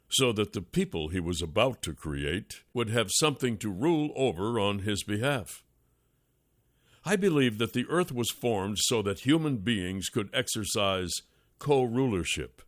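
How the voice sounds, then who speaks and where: A man narrating a nonfiction audiobook in a measured, deliberate reading style. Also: fairly low pitch, lively intonation, no room sound, studio quality.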